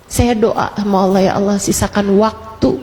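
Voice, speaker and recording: A woman voicing a remorseful young wife, speaking slowly and softly through tears. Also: medium pitch, steady tone, close to an everyday voice. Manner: slow, soft, tearful delivery. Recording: reverberant hall with music.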